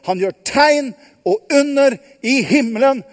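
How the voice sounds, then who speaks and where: A man playing an overjoyed ancient king who loudly proclaims a royal decree, in a children's Bible story. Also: very high-pitched, expressive, pitched above the performer's own voice. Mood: proclaiming. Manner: loud, stately proclaiming. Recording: long hall reverb.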